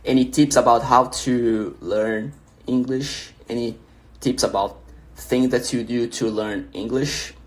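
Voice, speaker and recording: He takes it slowly, with a mid-range voice and fairly even intonation. A young Brazilian who speaks Portuguese natively and has a Brazilian Portuguese accent, he hosts a casual livestream where he reads viewer questions out loud and answers encouragingly, regularly restarting his sentences.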